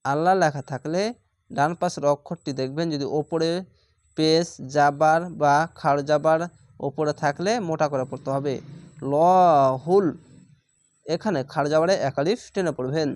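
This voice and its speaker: A man teaching Quran reading, sounding out each letter and syllable slowly and patiently in a step-by-step lesson. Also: fairly high pitch, steady tone, a little mellow. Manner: slow, drawn-out syllable-by-syllable recitation.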